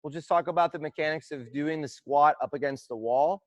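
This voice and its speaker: A man's voice: a little high, a little fast, no echo, highs cut off. Upbeat male fitness coach counting reps. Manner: encouraging, counts reps loudly in a steady cadence. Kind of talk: live online workout class instruction. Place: gym.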